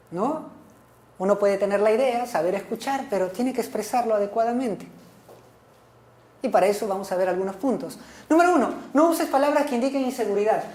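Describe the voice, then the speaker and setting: A woman's voice: on the high side, darkish tone, roomy sound. A woman teacher giving a recorded class lecture, explaining points and often checking in with her listeners. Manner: instructive, asks frequent checking questions like "¿ok?" and "¿sí?"; repeats and rephrases key points.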